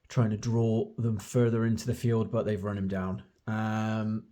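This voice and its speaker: A man's voice: on the low side, dark tone. Wry man recapping wargame turns. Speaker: wargamer narrating his army's turns. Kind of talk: casual tabletop battle report.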